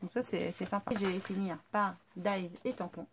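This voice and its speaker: A woman of average pitch talks through a craft unboxing. She is chatty and enthusiastic, trails off and fills gaps with fillers, and speaks in the casual way of a regular host. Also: fairly even intonation, normal speed, slight background noise. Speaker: craft YouTuber.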